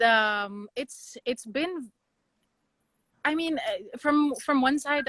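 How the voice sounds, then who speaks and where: Bright-voiced woman from Lebanon, thoughtful. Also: medium pitch, no echo, low-quality recording. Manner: thoughtful, halting, with many restarts. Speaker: guest designer. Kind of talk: casual interview chat.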